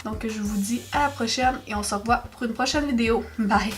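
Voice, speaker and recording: Excitable young Québécois woman vlogger. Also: fairly high pitch, brisk. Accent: Québécois French. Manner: chatty, excitable, exclaims over products. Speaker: beauty vlogger. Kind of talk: casual makeup haul vlog.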